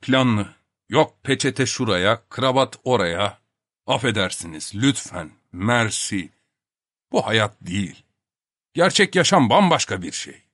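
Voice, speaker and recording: A man's voice: mid-range voice, a bit bright, no room sound, studio quality. A man voicing a coarse, insolent young man who was once a dog, speaking whiny and argumentative. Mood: grumbling. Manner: whiny, insolent, quick to argue.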